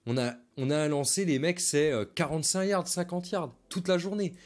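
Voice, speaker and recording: A man's voice: on the high side, moderate pace. A man, coaching live as he breaks down football game film for viewers, chatty and casual, repeating his points and reading out viewer comments.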